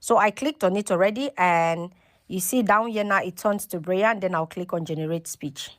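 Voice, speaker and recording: A woman hosts a casual, step-by-step tutorial, giving instructions and frequently checking in with "okay" and "right." Her voice is on the low side and she speaks at normal speed.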